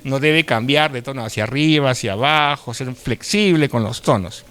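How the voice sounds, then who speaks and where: A mid-range, fairly bright male voice at a moderate pace comes from a man from Peru speaking Lima Peruvian Spanish. He's lecturing university students live in a conversational tone, frequently checking in with tag questions, with the occasional stutter and restart.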